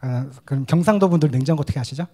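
A young man from Korea with a Gyeongsang accent, giving a lively, humorous sermon as a junior pastor and slipping into English phrases. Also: on the high side, racing. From South Korea. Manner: animated, mixes English phrases, acts out dialect quips.

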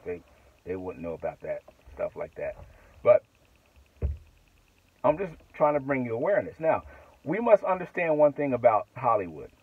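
A man's voice: mid-range voice, slightly rough, no echo, narrow, tinny audio. A middle-aged man vlogging from inside his truck cab at night, talking in a rambling way with restarts and asides. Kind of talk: casual monologue to camera.

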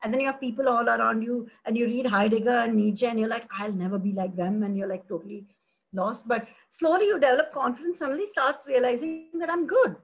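A middle-aged woman from India, a philosophy professor, talking passionately in a conversational interview, animated and expressive, often restarting her sentences. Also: fairly high pitch, quick pace, dull audio.

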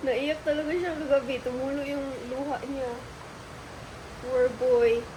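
Woman vlogger, chatty and relaxed, high voice, storm noise in the recording. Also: takes it slowly. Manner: chatty, addresses viewers as guys. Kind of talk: casual family vlog chat.

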